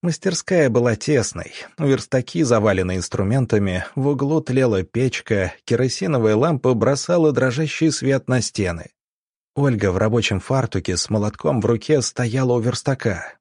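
Husky male audiobook narrator. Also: medium pitch, a little mellow, no echo, studio quality.

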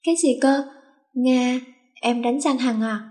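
A woman voicing a young male high school student who scolds firmly and also fusses with care. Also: steady tone, fairly quick, darkish tone, lightly acted. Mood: stern. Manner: firm, scolding.

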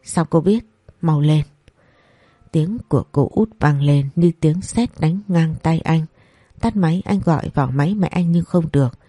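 A story narrator with a mellow, breathy voice reads a dramatic audiobook. The delivery is emotional and tense. The sound is close and dry. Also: medium pitch, moderate pace, no room sound.

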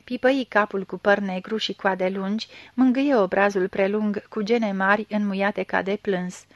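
A woman narrating a story in a measured, even reading. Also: mid-range voice, no room sound, highs cut off. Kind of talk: audiobook reading.

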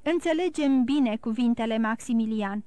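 A woman reading an audiobook, voicing a grave, wise older count who speaks slowly and solemnly. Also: on the high side, dark tone, dry recording, lightly acted. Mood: solemn counsel. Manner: slow, solemn, counseling.

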